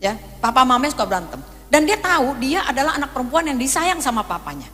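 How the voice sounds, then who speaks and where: A woman's voice: high voice, sing-song, fast talker, bright, forceful tone, long reverb tail, a little hiss or hum. A woman pastor preaching a sermon, telling stories and acting out quoted voices as she speaks to her congregation. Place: church hall.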